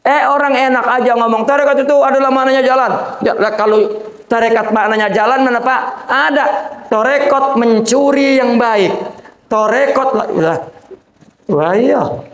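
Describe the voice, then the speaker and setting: A man's voice: extremely high pitch, a little slow. A man, a sheikh, giving an informal religious sermon to a gathering, talking colloquially with joking asides and addressing listeners directly. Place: Islamic boarding school gathering. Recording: echoey room.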